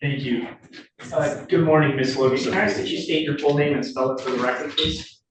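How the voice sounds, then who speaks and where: A man speaking as a prosecutor, formally questioning in court with halting, rephrased wording. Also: fairly high pitch, fairly even intonation. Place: indoor courtroom. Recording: very echoey courtroom, distant mic, clear noise.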